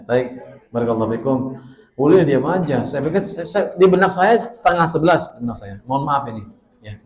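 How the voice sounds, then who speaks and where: A middle-aged man preaching in a small prayer room, chatting with his audience, asking them questions and swinging between loud bursts and soft asides. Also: mid-range voice, roomy sound. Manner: conversational, asks the audience questions. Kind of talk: religious study talk.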